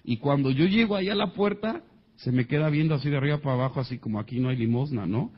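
This muffled recording captures a man with a Mexican accent telling an audience a funny story about himself. He talks quickly in a fairly high voice with a breathy edge, animatedly acting out the quoted voices.

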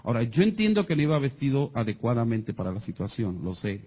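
Fast-talking and husky, a medium-pitched man with a Mexican accent recounts a comic personal story to an audience, the highs cut off in the recording. He's animated and performs the voices of the people he quotes.

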